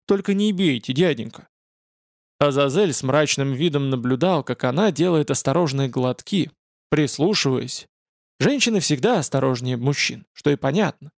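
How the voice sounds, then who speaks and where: A man's voice: medium pitch, animated, normal speed, vocal fry, dry recording. Man reading an audiobook, dry studio sound. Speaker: audiobook narrator. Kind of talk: scripted narration.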